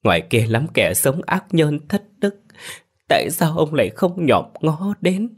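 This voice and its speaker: Casual: dude voicing a servant guy wailing at the sky, way higher than his normal voice, desperate. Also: big pitch swings, fairly quick, slightly rough, full character voice. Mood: anguished. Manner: anguished, pleading. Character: grieving male servant crying out to heaven.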